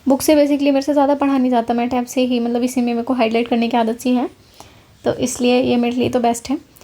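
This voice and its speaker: A fast-talking woman from Haryana, India, runs an online exam-prep class as a casual lecture over slides, chatting with her listeners and checking in often. Her voice has a fairly high pitch, a dark tone, and little pitch movement.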